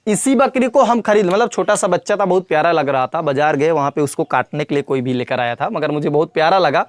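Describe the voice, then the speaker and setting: A man's voice: fairly high pitch, lively intonation, fairly quick, no room sound, clean studio sound. A man teaching English grammar in a classroom lesson, repeating points and quizzing the viewer with questions, calling them brother and child.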